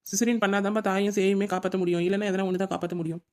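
A woman's voice: mid-range voice, little pitch movement, a little mellow, close to an everyday voice. A woman voicing a blunt, matter-of-fact woman doctor in a family cartoon. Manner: blunt and forgetful, rapid.

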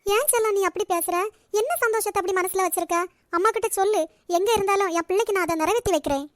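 A woman's voice: very high voice, quick pace, dry recording, studio quality. A woman voicing a doting, anxious middle-aged mother in a family cartoon, tender and coaxing, with a Nagercoil Tamil accent.

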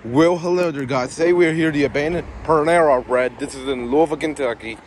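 Brief: male vlogger, casual walkthrough, repeats himself, phone mic on a loud street. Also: a little high, fairly quick. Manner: rambling, repeats words while searching for them. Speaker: vlogger exploring abandoned buildings. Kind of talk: casual handheld walkthrough narration. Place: outdoors on a city street beside an empty restaurant building. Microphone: handheld phone camera. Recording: loud traffic noise outdoors. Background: passing cars and street ambience.

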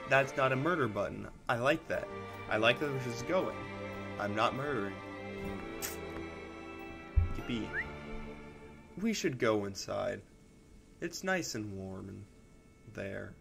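A man's voice: mid-range voice, animated, slow pace, gravelly, long pauses, over music. A man commentating a video game as he plays, rambling and often restarting his sentences as he reacts to what happens on screen. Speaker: gamer. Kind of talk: let's play commentary.

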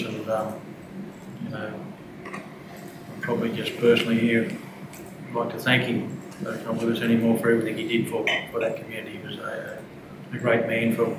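A man speaking as a councillor in a plain, hesitant way. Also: mid-range voice. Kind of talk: formal meeting discussion. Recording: echoey chamber, distant mic, loud noise.

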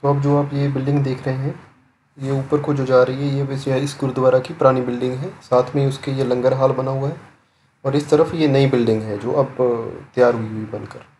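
A man's voice: medium pitch, fairly quick. Young man vlogging over outdoor noise. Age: young adult. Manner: relaxed, explains as he shows places. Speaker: travel vlogger. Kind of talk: casual tour narration. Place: outdoor railway station platform. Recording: outdoor ambience noise, passing vehicles.

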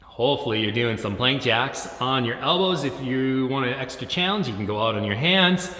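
A fitness coach in his thirties leads a timed home workout with short, commanding, motivational cues. His medium-pitched voice is expressive, pushed and bright at a moderate pace. The recording echoes like a large, reverberant gym hall, with slight background noise.

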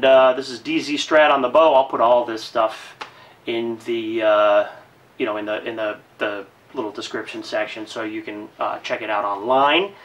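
A man's voice: medium pitch, a bit bright, distant mic. A man casually reviewing violin gear in a video, rambling with lots of fillers and restarts. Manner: breezy upbeat sign-off.

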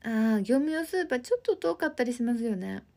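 A woman in her twenties from Osaka, Japan, hosts a livestream, reading viewer comments and chatting with them in a friendly Osaka dialect. She talks fast with lively intonation, and her fairly high voice is gravelly yet a little mellow.

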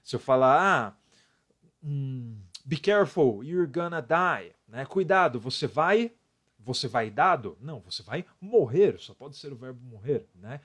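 Chatty Brazilian teacher doing a live class. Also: male voice, mid-range voice, unhurried, husky. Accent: Brazilian Portuguese. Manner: chatty, often ends phrases with "né?", lively emphasis on examples. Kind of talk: live online lesson, reading chat comments.

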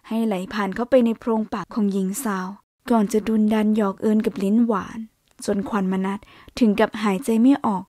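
A woman narrating a romance story in Thai in a steady, unhurried storytelling voice that often drops soft and hushed. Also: medium pitch, no echo, clean studio sound.

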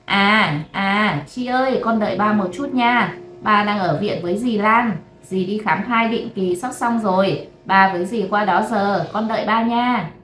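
A woman's voice: mid-range voice, measured pace, hardly any pauses, fairly bright tone, reverberant, lightly acted. A woman voicing a worried, strict middle-aged father in a read-aloud story, with a scolding, raised voice. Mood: hurried.

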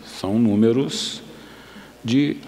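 A Brazilian man in his sixties giving a formal lecture from a lectern in a large university auditorium, measured and explanatory, often restarting and correcting himself. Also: medium pitch, mellow. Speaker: guest lecturer. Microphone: lectern microphone. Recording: long hall reverb.

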